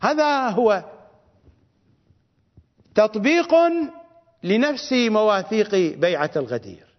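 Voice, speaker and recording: Fiery high-voiced Iraqi man preaching. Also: expressive, slow pace. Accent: Iraqi Arabic. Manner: fiery, scornful, emphatic, repeats for stress. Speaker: cleric. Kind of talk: religious lecture. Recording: reverberant dull lo-fi recording.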